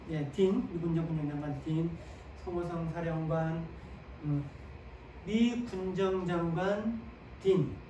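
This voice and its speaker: A man's voice: high voice, darkish tone. A man giving a history lecture to a class, posing questions and answering them himself, with short affirming asides between points. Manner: sprinkles short "네" affirmations while explaining. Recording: echoey room, mic at a distance, faint ambient noise.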